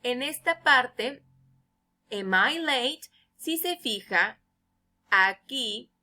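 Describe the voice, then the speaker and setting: Slow, bright-voiced woman teacher. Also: a little high, expressive. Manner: explains patiently in Spanish, reads English examples slowly and loudly. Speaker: English teacher. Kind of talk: recorded feedback lesson.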